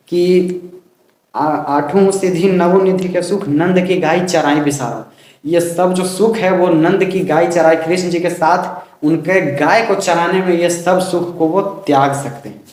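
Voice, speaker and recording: A man teaching a poetry lesson in a casual, chatty way, slowly reciting verses and explaining them line by line. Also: on the high side, a little mellow. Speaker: coaching teacher. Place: home room, dog barking outside. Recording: echoey room.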